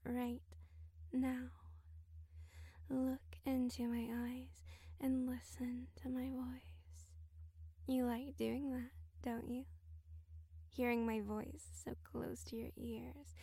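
A woman performs a sultry, dominant royal creature in an intimate ASMR role-play. Her voice is very breathy and soft-edged, slow and hypnotic, with little melodic swing. She teases and commands right at the listener's ear. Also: high-pitched, level tone, dry recording, clean studio sound, heavily acted. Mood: seductive, commanding. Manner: slow, seductive, commanding, teasing. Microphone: very close microphone, dry.

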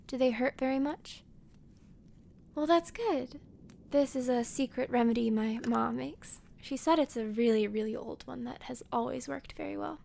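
A woman playing a playful hermit woman who tends a wounded man, talking gently and often dropping into a half-whisper. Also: fairly high pitch, creaky. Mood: soothing. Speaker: audio roleplay performer. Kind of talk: audio roleplay addressed to the listener.

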